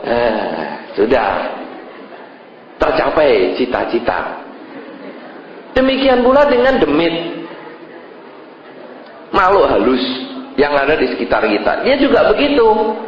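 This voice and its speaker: A man preaches as a Buddhist monk, his fairly high voice climbing and dropping all over as he acts out his stories. The recording is dull and lo-fi, with a long echo from a large hall and a faint hum of room noise behind him. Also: slow, pauses often. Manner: lively storyteller who acts out scenes with sudden pitch jumps. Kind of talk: sermon. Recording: echoey hall, dull lo-fi sound.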